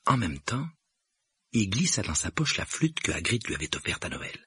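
A man narrating an audiobook with expressive storytelling. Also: lowish voice, normal speed, husky, no echo. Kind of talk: scripted narration.

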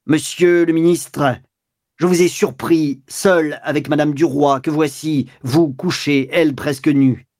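A man's voice: on the high side, steady tone, a little slow, lightly acted. A man reading aloud, voicing a stern middle-aged police commissioner who speaks formally and commandingly. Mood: stern official. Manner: formal, commanding, rising to sharp outbursts.

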